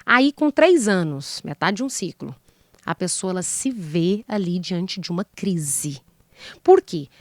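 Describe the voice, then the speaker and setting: A female psychologist guest speaks unhurriedly in a fairly low voice with lively intonation, and there's no echo. In the interview she explains relationship advice in a teaching manner, asking rhetorical questions and acting out example lines.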